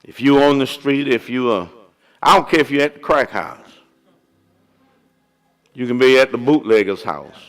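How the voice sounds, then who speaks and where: A man's voice: medium pitch, lively intonation. A man preaching a sermon as pastor of a church, calling out and drawing out his words. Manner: preaching with rising calls and drawn-out words.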